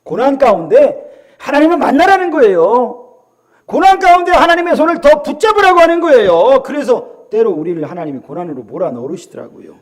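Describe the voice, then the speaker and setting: A middle-aged man from South Korea preaching a sermon as pastor, dramatic, swinging from loud calls to hushed asides and acting out the voices of others. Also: very high voice, very animated, a little fast.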